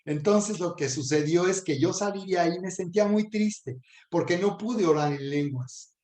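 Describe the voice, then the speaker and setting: A man's voice: high voice, normal speed, a little mellow. A man, a pastor teaching a video Bible lesson and leading a prayer, earnest and often repeating words. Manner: earnest, repeats words while searching for them. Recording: echoey room.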